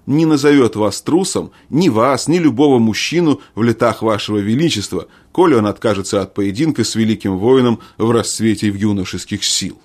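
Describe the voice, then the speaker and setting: A wary court lord, voiced by a man reading a storybook, pitched a little above the narrator. he speaks formally and deferentially to his king. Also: expressive, brisk, hardly any pauses, a little mellow. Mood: cautious. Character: wary courtly male lord, cautious adviser.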